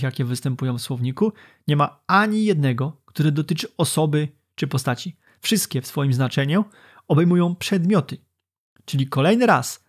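A man with a husky voice hosting a book podcast, guiding listeners through the text. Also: on the high side. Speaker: podcast host.

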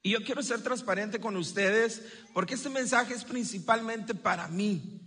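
A man preaching a sermon as a pastor, lively, with asides to the congregation and playful voices. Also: sits high, normal speed, husky. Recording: long reverb of a large hall.

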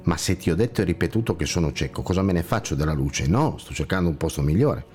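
A man's voice: low-pitched, animated, fast, a little mellow. A man voicing a weary, anxious blind man who asks plaintive questions while searching for a better place, in a storybook tale.

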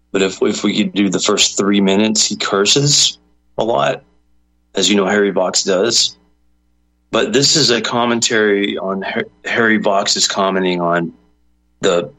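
A man's voice: low voice, sharp tone, low-quality recording. A man hosting a talk show, casually setting up the next segment and repeating words as he goes. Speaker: show host.

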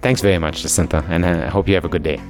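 A man's voice: low-pitched, fairly even intonation, very fast, loud music behind the voice. A man, a professor, answering interview questions thoughtfully with many small fillers.

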